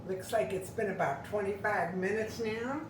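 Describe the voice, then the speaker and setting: A woman's voice: mid-range voice, normal speed, echoey room, noisy background. A middle-aged woman hosting a home cooking show, chatting cheerfully and giggling as she explains the recipe. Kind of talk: casual cooking chat. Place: home kitchen, later outdoors.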